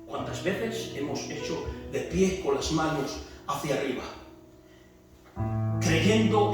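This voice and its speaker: High-voiced Spanish preacher, echoey hall. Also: male voice. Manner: preaching with rhetorical questions, rising to shouts. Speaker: pastor teaching a discipleship class. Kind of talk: sermon. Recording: echoey church hall from far off, music behind.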